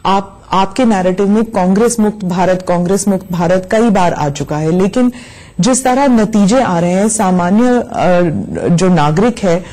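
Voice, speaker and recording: A woman interviewer asking long, winding questions, often pausing with hesitations. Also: mid-range voice, mellow, rough recording.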